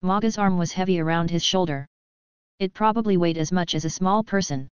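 Low-voiced woman reading a story. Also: fairly quick, smooth, no room sound, dull audio. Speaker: narrator. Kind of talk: scripted narration.

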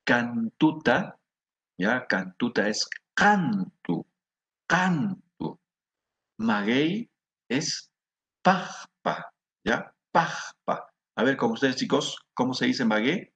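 A middle-aged man with a Peruvian Spanish accent teaching a class, slowly repeating words for students to echo. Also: medium pitch, expressive, fairly bright tone, husky, muffled recording. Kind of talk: classroom lesson.

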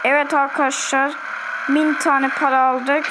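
A woman's voice: high voice, flat delivery, measured pace, very noisy. A woman with an Azerbaijani accent giving chatty, repetitive gameplay commentary and keeping up a running talk with her viewers. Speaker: gaming video host.

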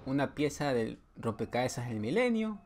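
A gameplay streamer gives playthrough commentary on a horror video game, joking, talking back to the game and letting out sudden yelps. His voice is medium-pitched and a little mellow, with big pitch swings at normal speed. There is a little hiss or hum.

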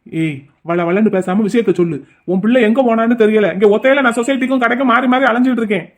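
A man voicing a gruff, stubborn middle-aged village husband in a cartoon, who scolds in quick, curt retorts. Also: extremely high pitch. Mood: scolding. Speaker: cartoon character. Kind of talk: cartoon voice acting.

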